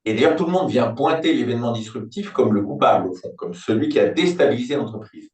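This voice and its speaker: Older French-speaking consultant type, thoughtful and explanatory, recorded off-mic in an echoey room. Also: male voice, medium pitch, animated, fast, a little mellow. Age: 60s. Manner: reflective, explanatory, thinks aloud with homely examples. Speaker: business turnaround consultant, company founder. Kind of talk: conversational interview. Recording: roomy, distant mic.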